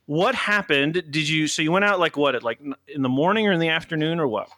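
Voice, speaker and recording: A man hosting a podcast in casual chat, teasing and quick to laugh. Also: on the high side, animated, sharp tone, dry recording. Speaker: podcast host.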